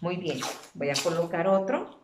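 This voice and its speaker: A woman's voice: lowish voice, sing-song, background noise. A woman teacher giving a spelling lesson to children, patiently drawing out and repeating words as she explains. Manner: patient, drawn-out repetition of words. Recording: echoey room.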